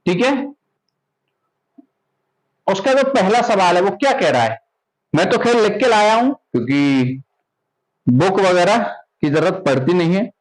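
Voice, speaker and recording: A man's voice: sits high, rough recording. A man teaching a maths lesson, who asks rhetorical questions and keeps checking in with his students. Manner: repeats "ठीक है" often, asks rhetorical questions. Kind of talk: classroom lesson explanation.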